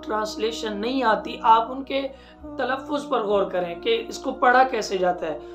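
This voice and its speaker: A man teaching Quran recitation, explaining patiently and chanting drawn-out melodic examples. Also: high voice. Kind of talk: religious lesson with chanted recitation.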